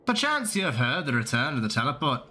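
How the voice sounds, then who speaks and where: Fields: sex: a man doing a pompous male clerk. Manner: formal, archaic, mock-grand. Pitch: raised. Timbre: bright. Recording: faint music behind. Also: sing-song, normal speed.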